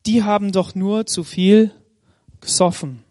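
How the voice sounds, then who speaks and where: A man preaching a sermon in Munich, reading Bible passages aloud and slowing down for emphasis. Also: sits high, fairly even intonation, warm tone, dry recording, clean studio sound. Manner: reads scripture aloud, slows for emphasis; addresses the congregation directly. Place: church in Munich.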